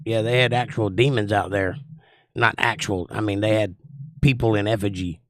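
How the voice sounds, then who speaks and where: A man's voice: on the low side, steady tone, moderate pace, no echo, studio quality. A man with a folksy hillbilly drawl, chatting casually and opinionatedly as a livestream host. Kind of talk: casual livestream chat, monologue answering viewers.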